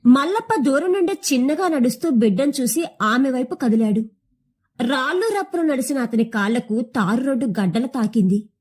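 A woman's voice: high-pitched, expressive, normal speed, darkish tone, husky. A young woman reading a short story aloud in a somber, emotive manner. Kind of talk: scripted narration of a short story.

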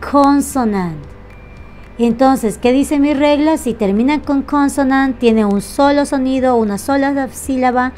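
Slow, patient high-voiced woman teacher. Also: a little mellow. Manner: patient, slow, repeats each example with frequent "ok?" checks. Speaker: English teacher. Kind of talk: explaining grammar rules to students.

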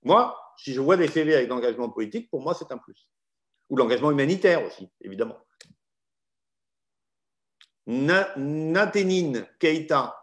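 A man's voice: mid-range voice, quick pace. A middle-aged man, a law professor and arbitrator, giving frank, opinionated answers to student questions in an online session. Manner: frank, opinionated, lively explanations.

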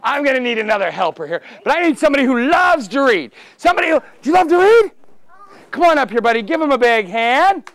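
A middle-aged man plays a kids' party magician in a children's library room, performing for seated children with exuberant, theatrical flair. His voice is extremely high and swings widely in pitch, moving at a quick pace with a slightly bright tone and no echo. He talks playfully to his young volunteers and often raises his voice.

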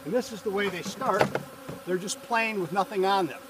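A man's high-pitched voice, at normal speed, calmly guides viewers step by step through a hive check as he works; he's a hobby beekeeper in a bee suit and veil on a farm. The casual how-to is caught by an outdoor camera a few feet away, with heavy background noise and buzzing bees.

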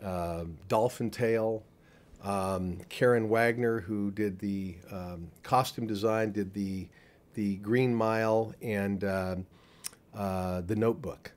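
A man's voice: lowish voice, steady tone, takes it slowly, darkish tone. An older man, a film producer, answering interview questions at a convention with many fillers and restarts, into a handheld mic. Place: convention room before a poster wall. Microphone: handheld mic held by the interviewer.

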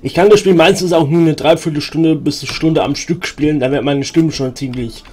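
A man's voice: a little high, a little fast, darkish tone, a little hiss or hum. A man streaming a role-playing game, chatting casually with many fillers and restarts and reading game text aloud.

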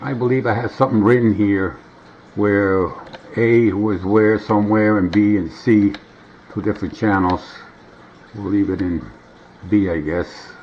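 With a fairly low pitch, fairly even intonation, and measured pace, a middle-aged man rambles and mutters while casually showing a vintage gadget. He sits indoors at a wooden table at home, and the home camera sound comes through dull and noisy.

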